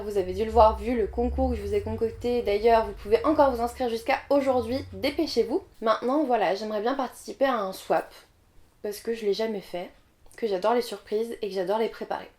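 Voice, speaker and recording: A young book vlogger talks casually to the camera about her reading goals, candid and chatty with frequent fillers. Her voice is fairly high and mellow.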